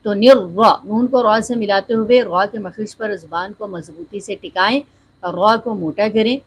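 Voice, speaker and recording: A woman teaching Quran recitation step by step. She explains each sound, demonstrates with slow drawn-out recitation, and keeps checking in with the listener. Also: medium pitch, a little hiss or hum, rough recording.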